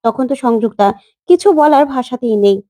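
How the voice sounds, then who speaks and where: A woman storyteller retelling the plot of a drama serial in a rapid, eager way. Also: sits high, warm tone, dry recording.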